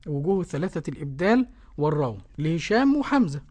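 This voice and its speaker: A man's voice: a little high, very animated, quick pace, a little mellow. A man presenting a Quran recitation program, speaking in formal, respectful phrasing and answering the teacher's questions.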